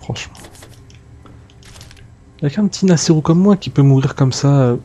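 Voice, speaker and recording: A man's voice: a little high, normal speed, highs cut off, noisy background. A man casually commenting on his gameplay, chatting to viewers and muttering to himself. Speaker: let's play gamer.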